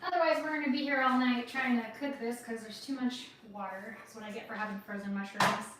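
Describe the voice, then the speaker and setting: Her voice is on the high side, steady in tone, and a little fast as she chats through a casual cooking livestream in her home kitchen. Frequent laughter and sniffles from a runny nose punctuate the talk, captured from afar amid echo and background noise.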